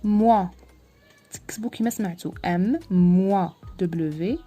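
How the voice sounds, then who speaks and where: A woman's voice: mid-range voice, dark tone, faint music behind. Woman teaching French phonetics. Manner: explains in dialect, slow careful French examples. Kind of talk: phonetics lesson at a board.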